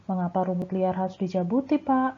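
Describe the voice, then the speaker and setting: A woman's voice: a little high, extremely slow, husky, pitched above the performer's own voice, heavily acted. Teacher lady reading out a curious school kid, eager questions, lilting up, tinny phone sound.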